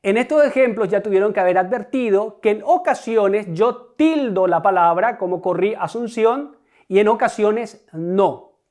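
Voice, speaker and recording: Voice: mid-range voice, a little mellow. Una persona docente que da una clase de gramática grabada para escolares, con tono deliberado y explicativo, repitiendo los conceptos clave y dirigiéndose a los alumnos. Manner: deliberate, explanatory, repeats key concepts; addresses students directly. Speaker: teacher. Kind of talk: recorded online grammar lesson.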